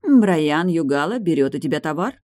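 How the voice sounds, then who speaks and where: A woman's voice: sits low, animated, fairly quick, darkish tone, no room sound, studio quality. A woman reading the part of a tough, menacing woman investigator in an audiobook, cold and clipped.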